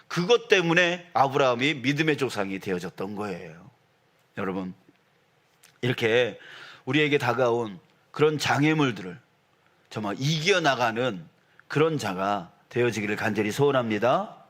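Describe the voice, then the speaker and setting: A man preaching a sermon as pastor, building to loud, emphatic peaks. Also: mid-range voice, lively intonation, moderate pace. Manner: rises to loud emphatic peaks, acts out quoted voices.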